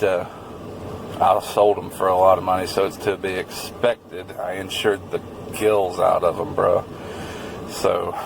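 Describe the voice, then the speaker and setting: A man with a Southern US accent chatting casually in a vlog, rambling and joking crudely and getting excitable. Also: on the low side, vocal fry, background noise. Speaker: car vlogger.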